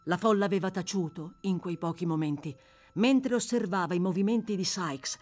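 A woman's voice: on the low side, a little mellow. Woman narrating a dramatic audiobook. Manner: measured, dramatic storytelling. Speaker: audiobook reader. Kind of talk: scripted literary narration.

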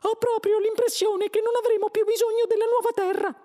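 A man voicing a small male mouse who speaks in a very high, tart and sharp way. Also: flat delivery, brisk.

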